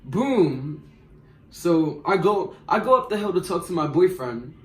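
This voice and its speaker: A man's voice: high voice, a little slow. A young man tells a rambling, slangy story in a casual storytime. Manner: slangy, rambling, animated retelling. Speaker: vlogger. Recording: roomy echo.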